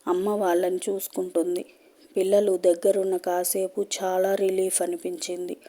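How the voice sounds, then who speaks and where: A woman narrating a first-person horror story in a slow, hushed storytelling manner. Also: on the low side, level tone.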